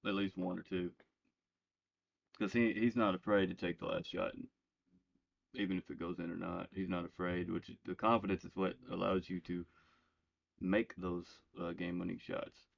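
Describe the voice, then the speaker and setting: A man's voice: low voice, moderate pace, gravelly, muffled recording. A man hosting a reaction video, chiming in with short casual comments and opinions. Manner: relaxed, short reactive interjections.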